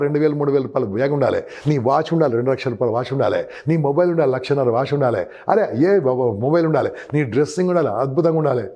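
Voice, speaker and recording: Man, sales trainer, husky mellow tone, emphatic and coaching. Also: a little high. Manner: emphatic, addresses listener as boss, acts out customer dialogue. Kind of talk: advice interview.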